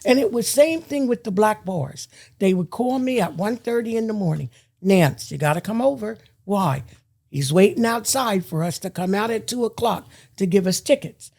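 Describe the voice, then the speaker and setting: A gravelly, creaky woman spins emphatic stories as a guest on a talk show. She once ran bars and tells it all in lively, punchy phrases. Her pitch sits mid-range. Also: normal speed. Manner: emphatic, animated storyteller. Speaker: guest, former bar owner. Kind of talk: casual storytelling.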